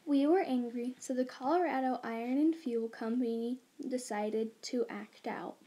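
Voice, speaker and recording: A woman's voice: fairly high pitch, normal speed, warm tone, slight background noise, natural voice, low-quality recording. A woman voicing a young male immigrant miner, in an earnest first-person school history narration read plainly aloud.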